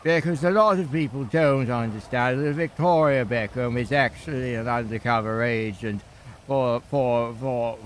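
A man's voice: mid-range voice, a little hiss or hum, lightly acted. A man with a younger voice faking an old British grandfather, rambling and stammering through tall tales in improvised role-play.

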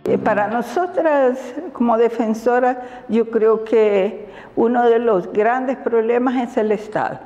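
An older woman from Honduras with a Honduran Spanish accent, answering interview questions slowly and thoughtfully, with many fillers, on a lapel mic. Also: fairly high pitch, warm tone, big-room sound, highs cut off, faint music behind. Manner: slow, deliberate, reflective with frequent fillers and laughs. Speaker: women's rights defender. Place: indoors in front of a banner.

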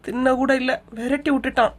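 A woman's voice: high-pitched, steady tone, a little fast. A woman with a Kanyakumari Tamil accent voicing a whiny, complaining younger woman in a cartoon comedy. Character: tearful greedy younger sister-in-law.

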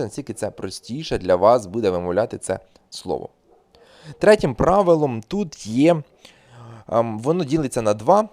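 A man's voice: fairly low pitch, darkish tone. A man giving a spoken grammar lesson as an English teacher, explaining patiently and repeating example words.

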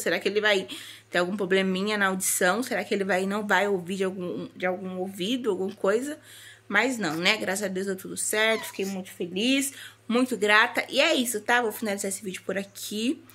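A woman's voice: mid-range voice, fairly bright tone. A young woman from Brazil with a Brazilian Portuguese accent, chatting casually to her viewers in a vlog as a new mother. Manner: chatty, talks to viewers as "gente" and to her newborn.

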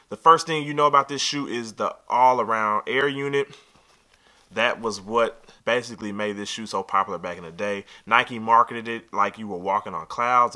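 A man in his thirties doing a casual, excited sneaker unboxing review, opinionated and talking straight to the viewer. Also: fairly low pitch.

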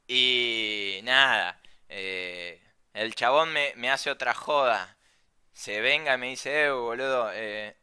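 A young man with a Rioplatense Spanish accent casually telling a travel anecdote, slangy and animated, swearing freely. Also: mid-range voice, smooth. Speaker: storyteller.

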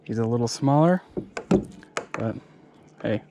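A man's voice: mid-range voice, takes it slowly, noisy background. A young man casually narrating to viewers while fishing from a kayak on a lake, recorded on a head-mounted action camera. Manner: relaxed, chatty, talks to viewers. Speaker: fishing vlogger.

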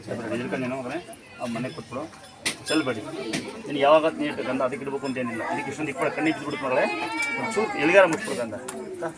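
A man's voice: medium pitch, very fast. A man at a temple giving blessings and home remedies to devotees, commanding and repeating his instructions. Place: outdoor temple grounds among devotees. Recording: crowd noise around.

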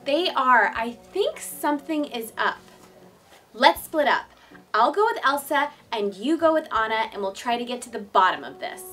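A woman's voice: a little high, sing-song, normal speed, a bit bright. A woman playing a curious, bookish princess who probes her friends in a live-action play-acting skit, heard from a distance with music behind.

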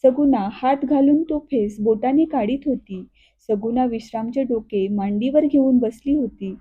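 Lady reading a story out loud, slightly high voice, phone-thin sound. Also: measured pace, slightly rough, phone-quality sound. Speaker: narrator. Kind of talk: reading a classic story aloud.

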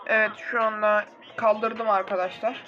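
A young man casually commenting on his mobile gameplay, excitable and quick to get frustrated, talking straight to his viewers. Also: high voice. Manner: excitable, easily frustrated, talks to viewers directly. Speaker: gaming channel host. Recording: dull lo-fi recording with faint game music.

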